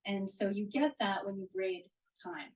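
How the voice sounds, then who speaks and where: This poorly recorded clip features a woman author in a bookstore event room, answering audience questions at a casual live reading. Speaking into a handheld microphone in a mid-range, animated voice at normal speed, she is warm and rambling, full of fillers and restarts.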